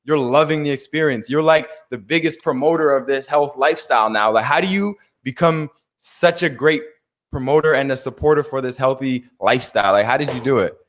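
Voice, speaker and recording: Brief: male host, mid-pitched, laid-back, encouraging, greets with Rasta phrases. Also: fairly quick. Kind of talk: casual conversation on a live stream.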